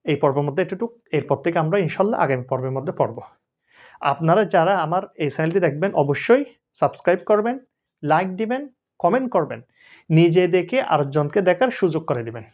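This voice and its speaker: A male Quran teacher slowly spelling out Arabic letters and vowel marks, syllable by syllable, in a lesson. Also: a little high, expressive, darkish tone. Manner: slow, drawn-out recitation of syllables.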